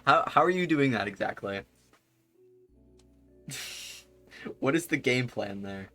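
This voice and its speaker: A man's voice: mid-range voice, expressive, takes it slowly, sharp tone, faint music behind. A young adult man streaming live, chatting casually with his audience in a rambling way and laughing often.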